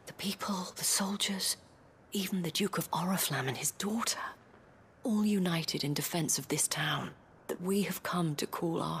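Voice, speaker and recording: In a video game cutscene, an actress with a deep female voice plays a gracious, worldly former courtesan who now leads a fantasy town as its madame. She speaks softly and eloquently in a measured, genteel manner, her mood tender and hopeful. Music plays beneath her voice.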